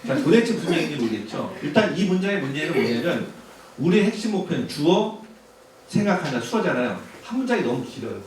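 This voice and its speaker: A man giving a talk to parents in a hall, with a fairly high voice. He speaks in a relaxed, conversational way and keeps asking the room rhetorical questions. The sound carries a heavy echo and is picked up from a distance, with a faint hiss underneath. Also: quick pace. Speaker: lecturer. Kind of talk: public lecture to parents. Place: lecture hall. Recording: very echoey hall, distant mic, faint noise.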